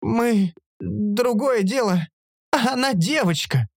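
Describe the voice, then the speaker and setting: A grief-stricken man pleads through tears, his words breaking up, as the reader acts him out. The voice runs high and moves widely, recorded close and dry. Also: expressive, takes it slowly, vocal fry, no room sound, exaggerated voice. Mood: sobbing plea. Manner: tearful, pleading, broken-up. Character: sobbing, heartbroken grown man, a lawyer.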